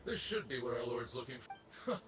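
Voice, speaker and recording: A man voicing a gruff, smug enemy underling soldier in a video game. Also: mid-range voice, very animated, normal speed, roomy sound, noisy background, close to an everyday voice. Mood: smug, suspicious.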